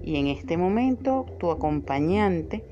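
A woman teacher giving a scripted spoken lesson, with a clear, measured delivery that slows down to stress key words. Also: fairly low pitch, lively intonation, muffled recording, over loud music.

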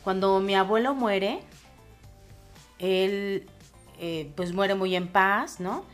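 A woman, a podcast co-host earnestly recounting a personal ghost story in an unhurried way. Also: mid-range voice, faint music behind.

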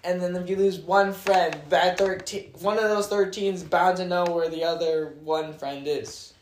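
A man's voice: high voice, steady tone, moderate pace. A young man with a Chicago accent in casual podcast chat, rambling with lots of fillers. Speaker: podcast co-host. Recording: roomy echo, faint noise.

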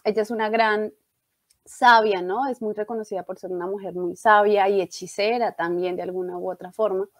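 A young woman casually retelling a tragedy, lively and acting out the lines she quotes. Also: mid-range voice, brisk, no echo. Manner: animated storytelling, acts out quoted lines.

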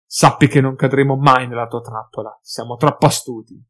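A sly mutant pack leader, voiced by a man in an audiobook, suspicious and sneering. He taunts with loud, heavy emphasis, leaning hard on every accusation. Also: mid-range voice, steady tone, fairly quick, lightly acted. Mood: taunting.

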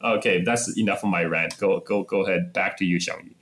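A man in casual political discussion as a podcast co-host, speaking in a halting, opinionated, conversational way. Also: low voice, steady tone, a bit bright.

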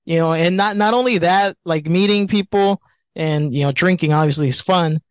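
A man talking casually as a podcast guest. His voice is a touch high for a man and the sound is dry and close. He rambles, restarts and leans on fillers. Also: normal speed, clean tone, no echo. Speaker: bartender, guest.

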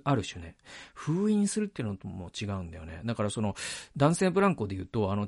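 Speaking into a microphone, a man with a medium, darkish voice hosts a solo podcast about a book. His tone is reflective, and he frequently hesitates and corrects himself.

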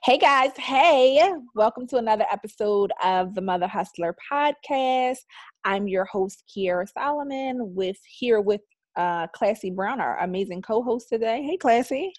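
A woman's voice: medium pitch, normal speed, a little mellow, no echo. Woman podcast host, chatty and upbeat; dry close sound. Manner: chatty, laughs often. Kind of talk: casual podcast chat.

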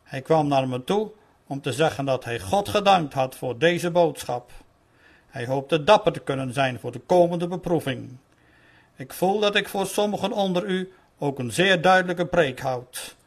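Male sermon reader, high gravelly voice, earnest and pleading. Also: lively intonation. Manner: earnest pleading delivery, slowing for quoted calls. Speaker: preacher reading a sermon. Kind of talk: sermon reading.

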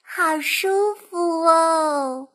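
Woman doing a squeaky newborn duckling. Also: very slow, a bit bright, full character voice. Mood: cuddly. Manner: chirpy, calling out. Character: tiny newborn duckling, clingy and eager.

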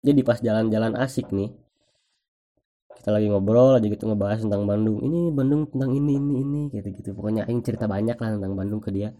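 A man's voice: lowish voice, fast. A young man with a Sundanese accent, telling a personal anecdote in slangy, casual speech full of swearing. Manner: slangy, swears freely, animated retelling.

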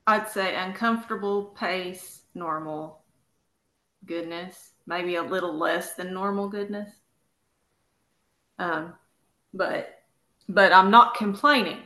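Appalachian woman guesting on a podcast, slow and halting, bright voice in an echoey room. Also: fairly low pitch. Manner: hesitant, hedging, many fillers. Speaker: podcast guest, yoga teacher. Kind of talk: casual podcast chat.

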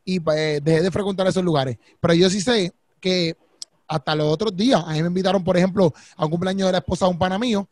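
Man, casual anecdotal chat, slangy, high voice, dry close sound. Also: darkish tone, no echo. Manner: slangy, quick anecdotal storytelling.

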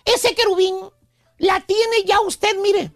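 A man's voice: very high-pitched, steady tone, slow pace, fairly bright tone, no echo, soft background music. A man hosting a radio comedy bit, calling everyone brother and son. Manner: theatrical, calls listeners brother and son. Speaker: radio show host. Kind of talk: comic preacher-style radio monologue.

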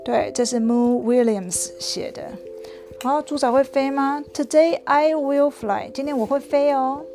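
A woman narrates a picture book aloud to a child in an animated, playful way, tossing in sound effects as she goes. Her voice sits somewhat high. Faint music plays softly behind her. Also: unhurried. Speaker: storyteller.

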